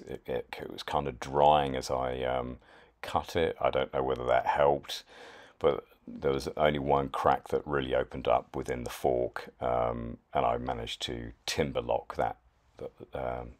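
Very deep-voiced man, halting voice-over. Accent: British English. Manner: hesitant, many ums and restarts. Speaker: chainsaw wood carver. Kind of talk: casual voice-over narration.

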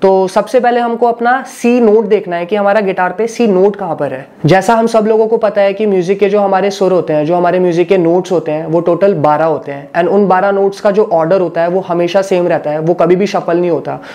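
A man's voice: high-pitched, steady tone, fairly quick, hardly any pauses, mellow. A man teaching a guitar lesson, patiently explaining and repeating each step, mixing Hindi with English phrases.

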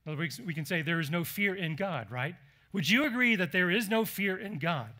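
Pastor guy preaching, high bright voice, lively and chatty, asks the room questions. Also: fairly quick. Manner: animated, conversational preaching with questions to the congregation. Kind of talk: sermon. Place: church.

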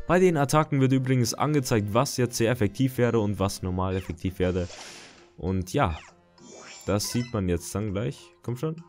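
A young man giving casual, chatty gameplay commentary, muttering and reacting as he plays. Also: medium pitch. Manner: chatty, excitable, mutters to himself. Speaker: gaming let's-player.

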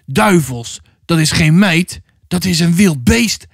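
A man's voice: fairly high pitch, moderate pace, no room sound, studio quality, natural voice. A man voicing the oldest of three cattle drivers, a brutal leader who snarls threats, in a storybook reading. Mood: threatening. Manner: snarling, menacing.

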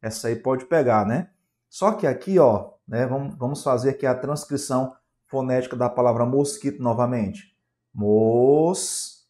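A man with a Brazilian Portuguese accent delivers a classroom grammar lecture for exam prep in a mid-range, slightly mellow voice at a moderate pace. He asks questions aloud in a student's voice, answers them himself, and uses frequent tag questions.

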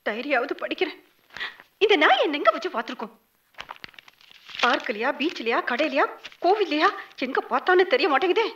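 A woman's voice: sits high, big pitch swings, a little fast, pauses often, a bit bright, a little hiss or hum. An actress playing a fretful, whiny middle-aged mother and wife in a comic film scene. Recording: dull film audio with music.

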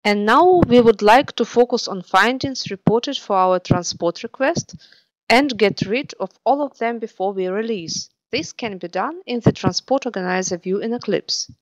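Woman, screencast narrator, even instructional read, dry close mic. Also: on the high side, normal speed, dry recording, dull audio. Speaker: software tutorial presenter.

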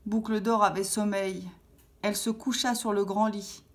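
A woman reading a children's fairy tale aloud with expressive storytelling. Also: medium pitch, moderate pace.

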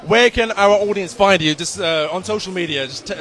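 A man in his twenties working as an on-site event interviewer, phrasing things in a somewhat halting way. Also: sits high, fairly bright tone. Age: 20s. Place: large event hall by a stage, indoors. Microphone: handheld interview mic.

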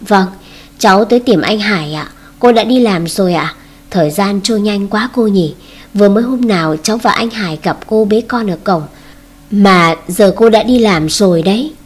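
A woman reading the lines of a spoiled young woman who mocks and then begs, in a husky voice. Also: medium pitch, moderate pace, natural voice. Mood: mocking. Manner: mocking, then whiny and begging. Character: spoiled young woman, scornful, pleading ex-girlfriend.

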